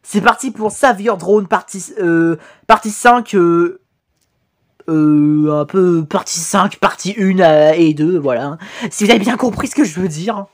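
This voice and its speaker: A woman from France giving animated, laughing reaction commentary on fan animations, swearing casually. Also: on the low side, measured pace. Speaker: YouTube reactor.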